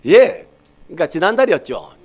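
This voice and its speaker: A middle-aged man preaches a Sunday sermon, telling a family story. His voice sits a bit high and rises and falls very widely. He is animated and lively, moving between quiet and loud passages. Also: brisk. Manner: animated, swings from soft to loud, playful baby talk in quotes. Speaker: pastor.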